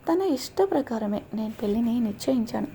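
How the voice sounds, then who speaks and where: Woman doing strict dad, sharp and accusing, a bit higher up. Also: animated, a little fast, slight background noise. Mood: stern, accusing. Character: stern middle-aged father, accusing and firm.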